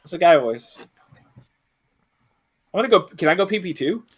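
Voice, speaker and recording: A man's voice: sits high, sing-song, moderate pace, noisy background. A man chatting casually as a game player, joking and exclaiming. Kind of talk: casual chat.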